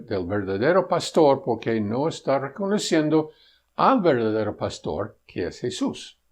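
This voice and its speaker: A husky-voiced man delivers critical Bible commentary at an unhurried pace. His pitch moves in a lively way, and he answers each point in a measured, pointed manner, often citing scripture.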